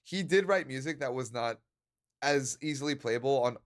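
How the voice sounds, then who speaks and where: A man with a middle-pitched voice chats casually as a livestream guest. He is an attentive conversational partner who often murmurs agreement. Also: moderate pace. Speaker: guest co-host on a stream.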